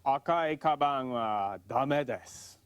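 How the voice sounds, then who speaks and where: Man teaching, slow careful drills. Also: medium pitch, smooth. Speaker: language teacher. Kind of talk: scripted lesson narration.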